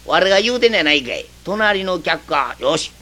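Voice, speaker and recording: A man's voice: sits high, big pitch swings, normal speed, exaggerated voice. A man voicing a boastful, rowdy young traveler with a Kansai accent, partying at an inn in a comic storytelling performance. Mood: bragging, threatening. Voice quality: loud, brash, threatening. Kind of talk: Kamigata rakugo storytelling.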